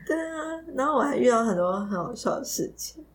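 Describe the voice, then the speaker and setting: A woman's voice: fairly high pitch, expressive, fairly quick, a little hiss or hum. Giggly woman telling a story. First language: not Taiwanese Hokkien. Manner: giggly, hesitant, repeats words. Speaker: podcast co-host. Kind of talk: casual chat, storytelling.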